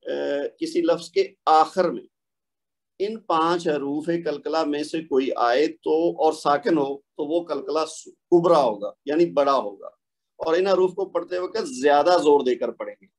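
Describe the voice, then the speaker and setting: A man with a slightly high voice teaches a recitation lesson. He explains each rule patiently, asks a question and answers it himself, and sounds out examples slowly. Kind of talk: tajweed lesson, explaining and modeling pronunciation.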